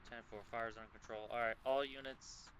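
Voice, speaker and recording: A man playing incident commander in an online firefighting game, giving halting radio-style orders and chatting casually. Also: medium pitch, fairly even intonation. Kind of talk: role-play radio dispatch and casual gamer chat. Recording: noisy voice chat with vehicle sounds. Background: loud game vehicle noise and ambience.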